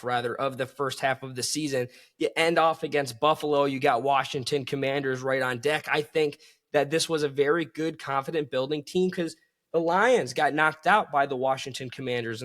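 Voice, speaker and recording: Man, sports podcast host, solo commentary, enthusiastic, a bit high voice. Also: fairly bright tone. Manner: enthusiastic, addresses listeners as folks.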